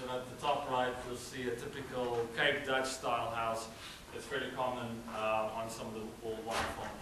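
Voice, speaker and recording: Speaking at medium pitch, a male student presenter from South Africa, a native Afrikaans speaker with a South African accent, hesitantly presents slides at a cultural event. He sounds relaxed yet says "uh" often; the distant mic captures a roomy event hall and slight background noise.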